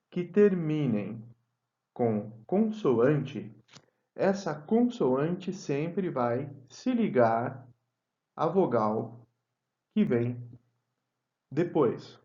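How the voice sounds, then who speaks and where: A man gives a grammar lesson in a slow, measured voice, dictating example words one by one. His voice sits a little high for a man. The sound is dull and lo-fi, in a room that echoes. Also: dark tone. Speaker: teacher.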